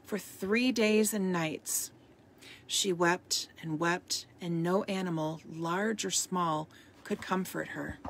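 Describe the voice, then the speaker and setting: A woman reading a storybook aloud as a podcast host, soft-spoken and at times dropping into a whisper. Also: fairly low pitch, slow, slight background noise.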